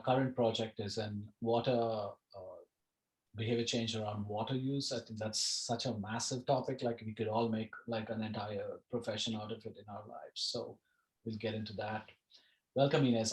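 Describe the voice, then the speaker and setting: A man's voice: medium pitch, a little mellow, reverberant, poor audio. A man teaching an online class over a video call, talking casually and often restarting his phrases. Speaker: course instructor.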